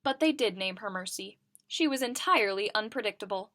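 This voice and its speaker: A woman reading a children's picture book aloud, expressive and voicing the characters. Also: mid-range voice, brisk. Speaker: reader. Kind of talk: children's story read-aloud.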